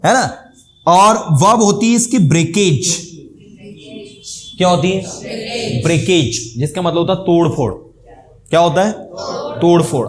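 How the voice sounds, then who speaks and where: A fairly high-voiced Indian male teacher runs a classroom grammar lesson. He fires short questions at his students and repeats the answers. His English example sentences come out slow and deliberate. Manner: quizzing students with quick questions.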